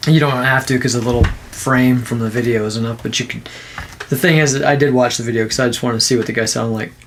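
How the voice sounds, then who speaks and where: A man's voice: mid-range voice, fairly even intonation, fast, slight background noise. Sarcastic ranting man with a Minnesota accent. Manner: ranting, sarcastic, swings into loud mocking voices. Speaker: podcast co-host. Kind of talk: casual chat.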